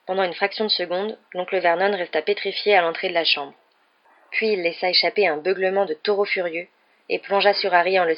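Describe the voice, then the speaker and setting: An audiobook reader giving steady scripted narration of a children's novel in a slightly muffled, lo-fi recording. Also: medium pitch.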